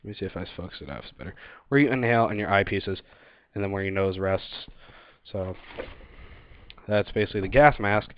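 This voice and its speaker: A man's voice: lowish voice, fairly quick, pauses often. A man giving a casual, unscripted product review in an informal, hesitant manner, recorded on a webcam setup. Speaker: gear reviewer presenting a video. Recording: dull lo-fi webcam audio.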